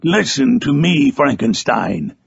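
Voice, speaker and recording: Tormented monster from a gothic audiobook, super raspy, swings up and down, begging and bitter. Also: male voice, medium pitch, sing-song, slow pace, no room sound, studio quality, heavily acted. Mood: imploring, accusing. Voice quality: gravelly, raspy. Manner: impassioned, archaic, theatrical pleading. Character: wretched, eloquent, vengeful male monster pleading with his creator. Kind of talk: dramatic reading of a Gothic novel.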